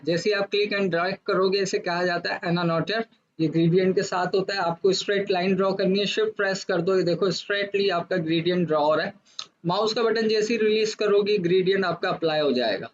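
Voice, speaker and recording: A man teaching a software design class step by step, asking himself questions and then answering them. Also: high voice, muffled recording. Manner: explains step by step with rhetorical questions; says he talks fast to fast-forward. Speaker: design instructor. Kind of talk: screen-recorded software lesson.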